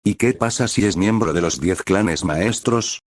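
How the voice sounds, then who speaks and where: A man's voice: sits low, measured pace, no room sound, clean studio sound. A man voicing an arrogant male terrorist leader who mocks and laughs with scorn. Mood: gloating.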